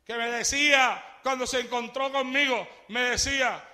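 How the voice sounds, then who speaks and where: A man preaching a fiery sermon in a church, moving between hushed storytelling and shouted exclamations. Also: very high-pitched, fairly even intonation, normal speed.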